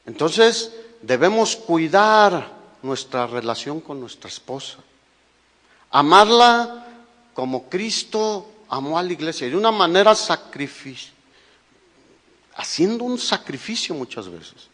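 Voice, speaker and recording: A man's voice: on the high side, big pitch swings, slow, fairly bright tone. A man with a Mexican Spanish accent preaching a sermon as a pastor, emphatic and full of rhetorical questions to his listeners. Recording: echoey hall recording.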